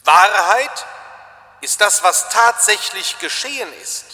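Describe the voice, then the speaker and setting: Slow, bright-voiced male preacher. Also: high-pitched. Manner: slow, deliberate and emphatic. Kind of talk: reflective sermon. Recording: long hall reverb.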